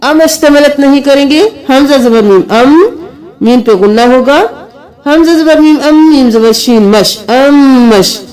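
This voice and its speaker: A woman teaching recitation rules in a high, light voice. She speaks slowly and patiently, spelling each letter and vowel mark out in turn, with deliberate pauses between sounds. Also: a little mellow. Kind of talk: tajweed lesson, spelling out letters.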